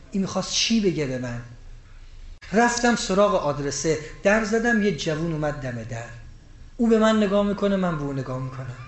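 High-voiced preacher in an echoey hall. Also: male voice. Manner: swings between loud emphatic rises and hushed quiet storytelling. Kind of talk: sermon. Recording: echoey room with faint ambience.

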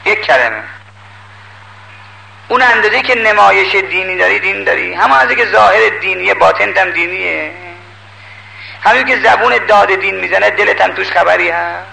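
An older man preaches with a bright, ringing voice that has a gravelly edge. He is emphatic, pleading with his listeners one moment and scolding them the next. A faint hum runs beneath the radio-like recording. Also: sits high, low-quality recording. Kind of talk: sermon.

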